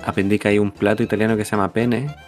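A man's voice: on the low side, little pitch movement, quick pace, darkish tone, faint music behind. A man with a Chilean accent telling jokes and stories in a casual podcast chat. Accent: Chilean Spanish. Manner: joking storyteller, playful voices in quotes. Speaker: podcast host.

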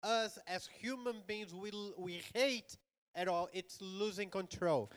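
Church interpreter, male, slow and smooth, fairly high voice. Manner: rephrases the preacher line by line, with small grammar slips. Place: church hall.

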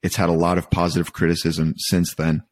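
A podcast guest from Michigan speaks in a very low, monotone voice during a casual, reflective interview. He's thoughtful and halting, rephrasing as he goes.

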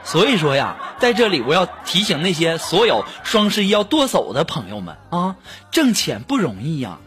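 A man's voice: a little high, wildly swooping pitch, moderate pace, a bit bright, soft background music. A man hosting a comedy show, telling self-mocking jokes in a chatty, laughing manner. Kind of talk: comic monologue with jokes.

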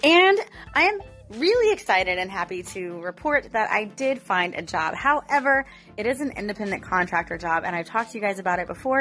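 A vlogger who is recovering from a cough chats casually to camera with her viewers, candid and full of fillers. Her voice is mid-range with a fairly bright tone.

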